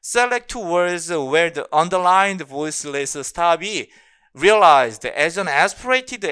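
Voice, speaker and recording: A man teaches an exam-prep class, his pitch jumping around animatedly. His voice is bright and crisp, and he keeps asking questions and then answering them himself. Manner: lively, repeats key points, asks and answers his own questions. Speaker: English linguistics lecturer. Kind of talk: exam-prep lecture explaining phonology.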